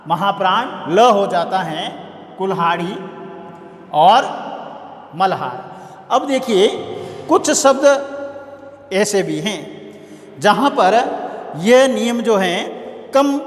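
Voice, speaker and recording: A man's voice: sits high, a bit bright. A male college teacher giving a classroom lecture, repeating key words and asking the class questions as he explains. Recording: echoey room with long reverb.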